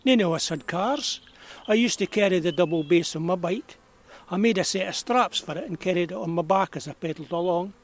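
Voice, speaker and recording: Brisk and high-voiced, the actor plays an amused, reminiscing Perthshire man of about eighty, broad rural Scottish accent and all. He's kindly and nostalgic, telling stories in a folksy, naturalistic way for an audio drama.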